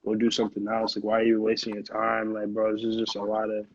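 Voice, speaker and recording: Through dull, roomy lo-fi call audio comes a fairly low-pitched male voice with a completely flat delivery and a fast pace. He is a Connecticut music producer in his twenties, chatting casually as an interview guest in an American accent full of slang and profanity.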